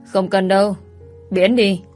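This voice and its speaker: A woman's voice: medium pitch, fairly even intonation, unhurried, darkish tone, faint music behind, close to an everyday voice. A woman reading a story, voicing a crude, bullying young man with a sneering, coarse manner. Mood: snarling.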